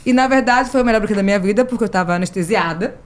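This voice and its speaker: Lively Brazilian woman telling stories. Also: mid-range voice, rapid-fire. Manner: lively storyteller, acting out dialogue with laughter. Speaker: podcast guest, entrepreneur. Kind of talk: casual chat.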